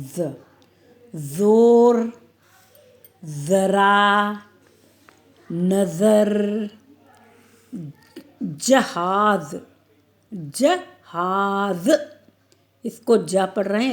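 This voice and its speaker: A woman leads an online phonics lesson for young children. She reads each word out very slowly and stretches it. She asks her class questions and answers them herself. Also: mid-range voice, a little mellow. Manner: slow, drawn-out word-by-word reading. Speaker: primary school teacher.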